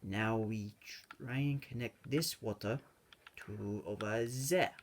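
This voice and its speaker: A gaming video creator rambles casually over his own gameplay, cracking jokes and correcting himself along the way. His fairly low voice moves slowly, with a little hiss or hum in the recording. Keyboard and mouse clicks sound in the background.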